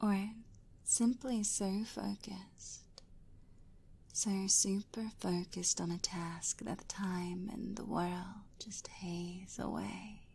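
A woman whispering a slow, soothing hypnosis session, guiding breathing and counting. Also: mid-range voice, steady tone, vocal fry, dark tone, slightly rough.

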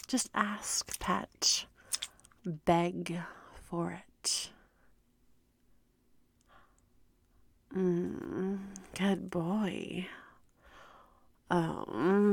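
A woman voicing a predatory, inhuman female seductress who speaks in slow, teasing whispers broken by mocking laughs, in an audio roleplay. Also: fairly low pitch, no room sound, exaggerated voice. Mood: dominant, whispering.

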